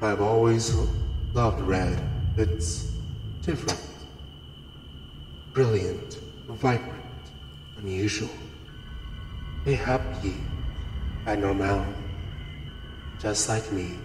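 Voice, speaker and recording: A streamer reading a visual novel aloud through a voice changer, voicing an eccentric narrator obsessed with the color red in a slow, dreamy way. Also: deep voice, pitched below the performer's own voice. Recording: roomy reverb with music behind.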